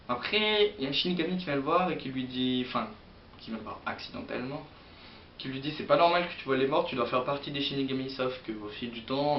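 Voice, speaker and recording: A young man chatting casually about manga to his viewers, hesitant and rambling with many fillers. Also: mid-range voice. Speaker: manga vlogger. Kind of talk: casual manga chronicle to camera. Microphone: built-in mic of an old computer setup. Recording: roomy, distant, dull lo-fi sound with faint hiss.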